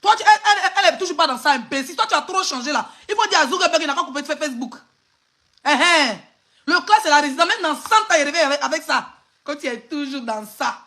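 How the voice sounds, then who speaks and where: A woman's voice: high voice, lively intonation, quick pace, bright, forceful tone. A woman with an Ivorian French accent on a phone live stream, hurling insults and mocking laughter in an angry rant.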